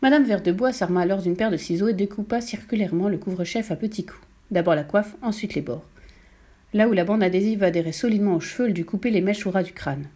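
A woman reads a children's novel aloud as an audiobook narrator. She tells the story in a measured, expressive manner. Her voice is mellow and warm, at a middle pitch.

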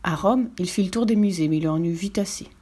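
A woman reading a children's storybook aloud as the narrator, in a lively, expressive way. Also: fairly low pitch, fairly quick, breathy edge.

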